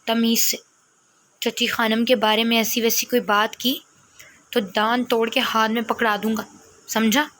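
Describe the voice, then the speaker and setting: A woman voicing a protective young elder brother, stern with his sibling and gently coaxing with his sister. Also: extremely high pitch, little pitch movement, slight background noise. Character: protective elder brother, young man, fierce but tender.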